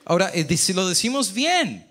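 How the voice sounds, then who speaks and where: A man's voice: a little high, animated, moderate pace, a bit bright. A man, a pastor, preaching a sermon in Spanish and explaining points to the congregation with rhetorical questions.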